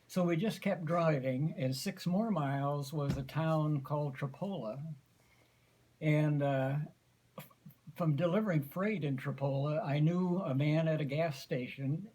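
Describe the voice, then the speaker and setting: An American man in his eighties telling a folksy, unhurried story informally to family, often clearing his throat. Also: on the high side, darkish tone, poor audio. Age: 80s. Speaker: grandfather giving an anniversary speech.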